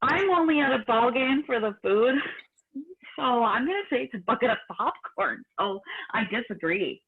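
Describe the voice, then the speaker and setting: A woman contestant on a video-call game show, giggly and hesitant, with a husky voice. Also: on the high side, expressive, moderate pace. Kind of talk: casual game chat over a video call. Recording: dull lo-fi video call audio.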